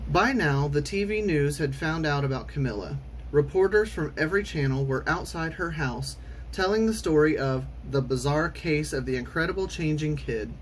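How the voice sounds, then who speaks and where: A man reading a children's storybook aloud in an expressive, theatrical way with clear enunciation. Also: on the high side, moderate pace, a little hiss or hum, rough recording. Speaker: storytime reader.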